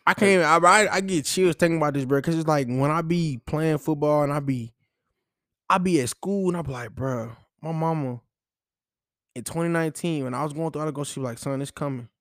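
A man's voice: a little high, brisk, a bit bright, dry recording, studio quality. A young man, a college football player, talking casually and with feeling in an interview, often saying "bro". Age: young adult. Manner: heartfelt, repetitive, says "bro" often.

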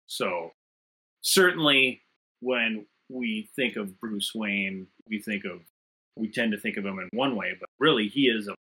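A podcast panelist on a remote call whose connection keeps breaking up makes a thoughtful case in a casual pop-culture discussion, building his points through questions. His fairly low voice is husky, pushed and bright, and a little slow, and the recording is rough.

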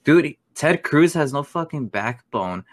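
A man in his twenties from Spain, chatting casually among friends, loose and quick to swear and laugh. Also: on the high side, expressive, slight background noise. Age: 20s. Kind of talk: casual chat.

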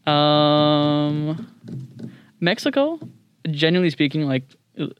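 Speaking slowly and expressively in a slightly high voice, a young adult man with a standard American accent appears as a podcast guest, chatting casually and gently mocking himself. An international student, he comes from several countries spanning Latin America, Asia, Europe and the US. The audio is dull, with slight background noise.

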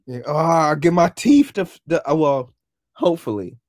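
A young man with a lisp, chatting casually on a podcast. His pitch moves a lot as he jokes around. The sound is close and dry with little room in it. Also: big pitch swings, normal speed, a little mellow, no echo. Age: young adult. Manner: laid-back, joking. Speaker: podcast co-host. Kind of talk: casual chat.

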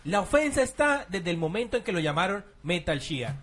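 Co-host, young Argentine man, husky high voice that swings a lot, teasing. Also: very animated, a little fast, fairly bright tone. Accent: Argentine Spanish. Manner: mock-outraged, teasing. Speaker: podcast co-host. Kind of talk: casual chat.

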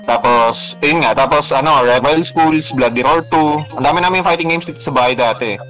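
A man's voice: on the high side, moderate pace, fairly bright tone, rough recording. Guy rambling about old games, lots of ums, faint music behind. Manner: rambling, lots of filler words, mixes English into Tagalog. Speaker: podcast co-host. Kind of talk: casual chat about video games.

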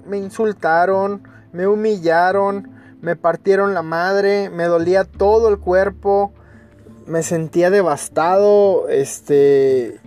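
A man's voice: high-pitched, a little mellow. A man with a Mexican accent, hosting a podcast and telling a personal story in a casual, crude, emphatic way, full of fillers and stumbles. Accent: Mexican Spanish. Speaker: podcast host.

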